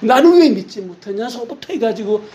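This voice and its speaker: A man's voice: very high-pitched, brisk, warm tone, slight background noise, voice pushed up. A man voicing God as a reproachful figure who scolds a runaway prophet with indignant rhetorical questions.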